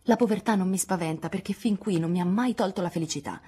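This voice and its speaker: Woman voicing a young woman, audiobook, defiant, proud, firm, husky tone. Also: fairly low pitch, fast talker, dark tone, pitched above the performer's own voice. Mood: indignant. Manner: indignant, firm, spirited. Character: proud, resolute young woman defending her beloved. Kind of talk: audiobook dialogue reading.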